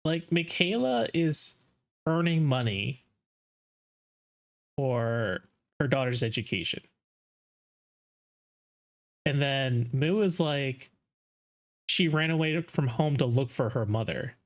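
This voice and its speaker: Guy streamer chatting casually over game trailers, mid-pitched voice. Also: slow, long pauses. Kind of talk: casual live commentary.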